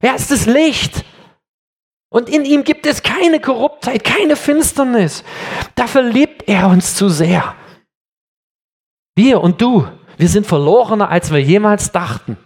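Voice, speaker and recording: A man preaching an earnest sermon, speaking emphatically and slowing down for dramatic weight. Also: high-pitched, animated.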